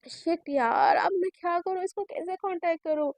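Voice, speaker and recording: A woman's voice: very high-pitched, moderate pace, a little mellow, dry recording. A woman voicing a lovesick young woman who keeps pleading and apologizing to her girlfriend, her tone exasperated and coaxing.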